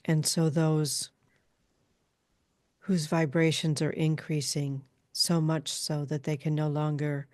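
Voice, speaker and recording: A woman trance channeling a calm female spirit like a seance medium, speaking in formal, halting, measured pronouncements. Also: low voice, no echo, clean studio sound. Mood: solemn, measured.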